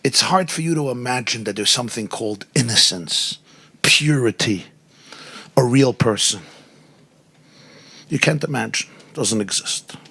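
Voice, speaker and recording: A man, giving a rabbi's talk to a gathering. His delivery is animated, jumping from soft, slow phrases to high, loud bursts. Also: gravelly, husky. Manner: animated storytelling, sudden rises in pitch and volume. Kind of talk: Yiddish-flavored Torah talk at a gathering.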